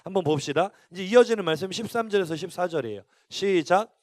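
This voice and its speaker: Lively high-voiced male pastor. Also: quick pace, no room sound. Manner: lively, asks the congregation questions. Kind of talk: youth sermon.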